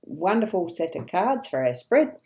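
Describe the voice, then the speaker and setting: A woman's voice: lowish voice, sing-song, normal speed, darkish tone. A woman psychic hosting a live card reading, chatty and rambling, laughing often between remarks. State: hiccups.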